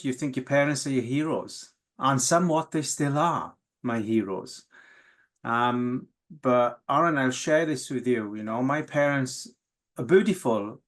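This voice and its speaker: In a candid and emotional interview, a first-language Welsh speaker from the South Wales valleys reflects openly on his experiences. His pitch is medium, and his speech is full of pauses and fresh starts.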